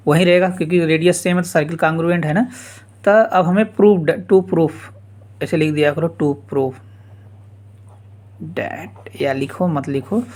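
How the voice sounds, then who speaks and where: Slow, casual math teacher. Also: male voice, fairly high pitch. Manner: casual, repeats steps, calls listeners "yaar". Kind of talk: blackboard geometry lesson.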